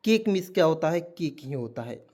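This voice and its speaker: Male teacher with a high voice, spells words aloud letter by letter and quizzes viewers, patient lesson delivery. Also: big pitch swings, fairly quick, warm tone. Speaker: English teacher. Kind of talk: spoken lesson.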